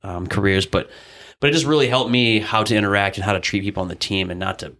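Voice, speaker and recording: A man with a low-set, bright and forceful voice chats as a guest, a wrestling coach recounting his past. His talk rambles, packed with "like" and quick restarts. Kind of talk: casual storytelling in an interview.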